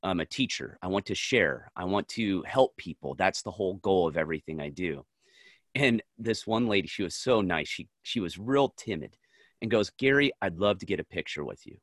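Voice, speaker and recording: Man, podcast co-host, low voice, dry recording, earnest, emphatic, firm short sentences. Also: animated, normal speed, a bit bright, dry recording. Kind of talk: casual conversation.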